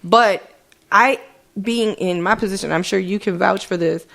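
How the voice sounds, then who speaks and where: A middle-aged woman comedian chats on a podcast at an ordinary pitch. She tells lively stories with frequent laughter. She acts out the people she quotes with changing voices. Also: normal speed, vocal fry. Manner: animated storyteller, laughs often, acts out quotes. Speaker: comedian and radio host. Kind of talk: casual podcast chat.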